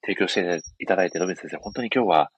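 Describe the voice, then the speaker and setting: A man's voice: low voice, very fast, highs cut off. A man hosting a radio chat, polite and attentive as he sums up and thanks his guest. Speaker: podcast host.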